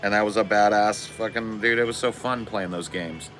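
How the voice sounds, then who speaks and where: A man's voice: on the low side, steady tone, moderate pace, a bit bright, faint music behind. A man in his forties chatting casually on a live stream, laid-back and slangy, swearing often. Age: 40s. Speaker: streamer reading chat.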